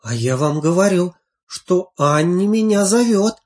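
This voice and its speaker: A woman voicing a grieving mother in a storybook reading, speaking low, quiet and insistent. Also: lively intonation, a little slow.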